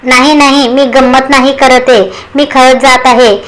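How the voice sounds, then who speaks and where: A furious young wife who gives sharp, stubborn answers in a storybook reading, voiced by a woman. She speaks in a high voice. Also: flat delivery, unhurried, low-quality recording. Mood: defiant. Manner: angry and cutting.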